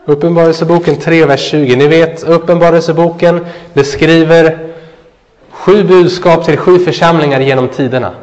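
A man preaching a sermon. He asks the listeners questions, answers them himself, and lets his voice drop low and soft at the ends of phrases. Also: fairly even intonation. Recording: dull sound with a long hall echo.

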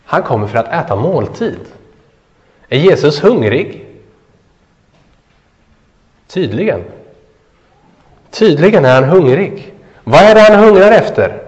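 Male preacher, slightly high voice, muffled recording with long hall reverb, talks in questions and answers. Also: very animated, pauses often, darkish tone. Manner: asks the listeners questions and answers them. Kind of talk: sermon. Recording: dull sound with a long hall echo.

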